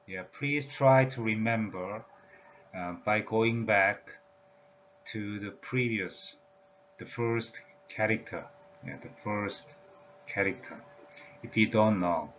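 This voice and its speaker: Man, slow halting lecture, lots of "uh" fillers, low voice, dull lo-fi audio. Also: a bit bright. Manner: halting, many "uh" and "yeah" fillers. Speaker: language teacher. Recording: dull lo-fi recording with faint room noise.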